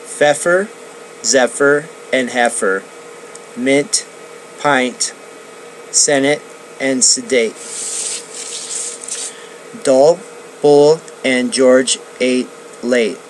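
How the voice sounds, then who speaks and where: Very slow, deliberate student reciter. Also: mid-range voice, slight background noise, rough recording. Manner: slow, deliberate, crisp diction. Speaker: student performer. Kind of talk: pronunciation drill and narrative reading.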